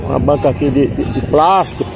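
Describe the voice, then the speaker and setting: A man's voice: medium pitch, fairly quick, vocal fry. A man with a Northeastern Brazilian accent chatting casually and folksily as he vlogs around an outdoor street market, often repeating his phrases. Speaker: vlogger touring a street market. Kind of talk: casual vlog chat with stallholders. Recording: noisy outdoor street with traffic.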